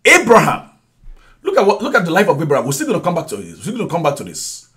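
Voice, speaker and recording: A man's voice: fairly high pitch, huge pitch swings, very fast, sharp tone. A male preacher teaching a sermon, repeating phrases emphatically with frequent laughs and praise.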